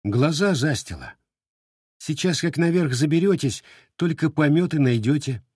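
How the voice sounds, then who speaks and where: A man's voice: a little high, animated, moderate pace, a little mellow, slightly rough, no echo, studio quality, pitched above the performer's own voice. A man doing a stern young monster hunter. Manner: firm, scolding, explanatory.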